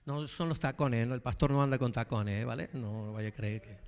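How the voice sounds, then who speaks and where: A man's voice: medium pitch, brisk. A man preaching a sermon as pastor, asking the congregation questions and telling a story from his workplace. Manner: storytelling, addresses the congregation directly.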